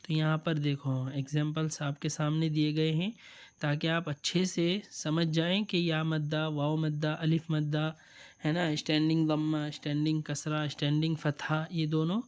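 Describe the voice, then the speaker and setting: In this step-by-step lesson, a smooth-voiced male Quran teacher with fairly high pitch works slowly through the letters. Patient throughout, he stretches out letters and words, explains them briskly, and repeats sounds for his student.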